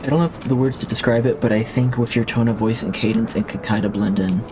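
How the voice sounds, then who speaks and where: Over music, a man streaming a video game chats with viewers, rambling and reflective, often restarting his sentences. He has a mid-range voice with fairly even intonation, talks fast, and uses a streaming mic with a limiter.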